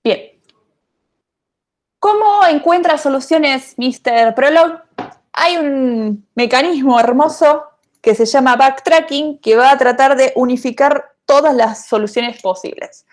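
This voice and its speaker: A woman lecturing on programming online, her voice sitting a little high for a woman. She talks loosely and thinks aloud, scattering fillers as she explains. It sounds like a casual remote class over a computer mic. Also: measured pace.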